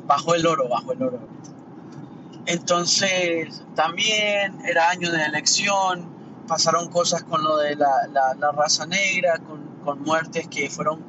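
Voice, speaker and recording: A man talking casually in a rambling, earnest monologue, repeating words as he works through his indignation. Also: fairly high pitch. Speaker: commentator sharing opinions. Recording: muffled distant mic with loud traffic noise.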